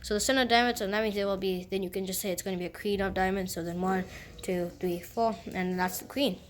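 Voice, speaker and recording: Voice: mid-range voice, steady tone, fast talker, slight background noise. A casual host giving card magician patter as a step-by-step tutorial, often repeating and rephrasing instructions, in a voice that sounds like a woman's.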